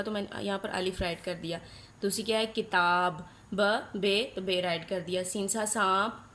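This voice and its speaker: A woman teaching a nursery class, spelling out letters and sounds slowly and asking questions she then answers herself. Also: medium pitch, fairly bright tone, a little hiss or hum.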